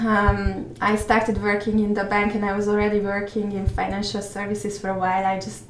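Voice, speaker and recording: A woman in her thirties from Hungary, a guest in a casual interview, reflective and soft-spoken, often trailing off quietly. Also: mid-range voice, completely flat delivery, a little fast, a little hiss or hum. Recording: echoey room, mic at a distance.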